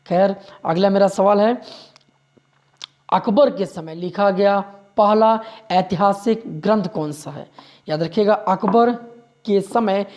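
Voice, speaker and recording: A man's voice: high voice, slow pace, darkish tone, muffled recording. A male history teacher giving an exam-prep lecture. He repeats each fact several times, keeps urging listeners to remember it, and sometimes corrects himself mid-sentence. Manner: drills facts by repeating them.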